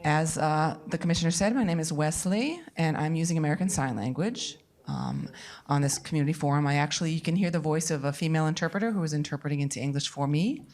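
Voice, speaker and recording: Low-voiced woman giving live interpreted voice-over. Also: vocal fry, a little mellow. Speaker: sign language interpreter voicing for a deaf speaker.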